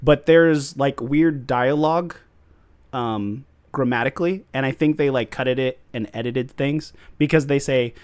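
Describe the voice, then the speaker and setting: A man's voice: medium pitch, a little slow, clear, resonant tone, no echo. A man hosting a casual review podcast, talking animatedly and mocking quoted lines in put-on voices. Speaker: podcast host.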